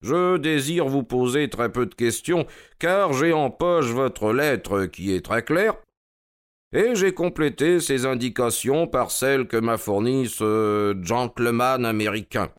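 A man voicing a calm male detective who asks measured, courteous questions. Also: mid-range voice, clean tone, natural voice. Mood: probing.

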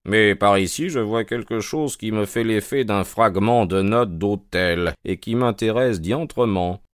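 Ironic detective in a storybook reading, low voice, dry, mocking, unhurried, as a man puts him on. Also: no room sound, lightly acted. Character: cool, ironic male detective, middle-aged.

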